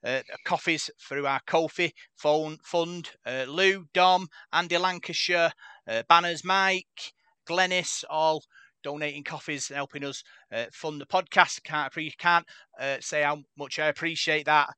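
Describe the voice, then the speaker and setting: A man's voice: a little high, steady tone, a little slow, pushed and bright, clear, resonant tone, no room sound. A young man hosting a casual podcast, chatting and telling stories in a chatty, self-deprecating way. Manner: chatty, tells anecdotes with self-deprecating laughs. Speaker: podcast host reading the news.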